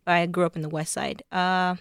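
A woman's voice: on the low side, flat delivery, brisk, vocal fry, clear, resonant tone, no room sound, clean studio sound. A young woman from Nigeria, a journalism student, answering interview questions in a chatty way with many likes. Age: young adult.

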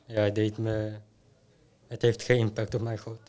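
A man's voice: lowish voice, completely flat delivery, normal speed, a little mellow. A young male student bluntly telling stories about his internship in a casual way. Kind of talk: casual storytelling.

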